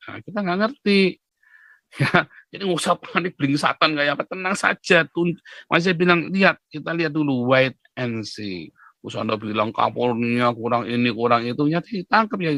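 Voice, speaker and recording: A man giving an animated, lecturing monologue to his viewers, often pushing his voice up toward a near-shout. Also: mid-range voice, moderate pace, no echo. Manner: rhetorical tag questions. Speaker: YouTube commentator. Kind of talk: casual monologue.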